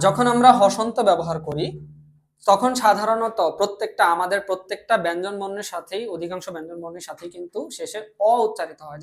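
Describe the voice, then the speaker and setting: A young man from Bangladesh teaching a language lesson, explaining step by step, often repeating himself and answering his own questions. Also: high voice. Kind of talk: classroom lecture.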